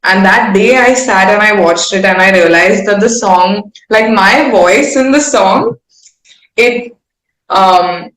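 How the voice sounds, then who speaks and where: A woman with an Indian accent speaks slowly in a mid-range, fairly bright voice. She's a singer-songwriter being interviewed, rambling casually and candidly in an informal, self-aware way, with a roomy echo on the recording.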